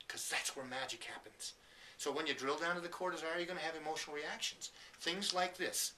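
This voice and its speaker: A man's voice: fairly high pitch, sharp tone, recorded from a distance, slight background noise, low-quality recording. A man giving an earnest, emphatic motivational talk, telling stories and acting out the people in them. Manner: earnest, emphatic, storytelling with quoted voices. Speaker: motivational speaker.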